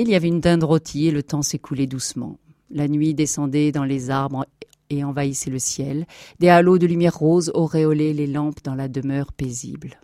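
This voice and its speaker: Low, mellow woman reading a story. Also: no room sound, clean studio sound. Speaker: narrator.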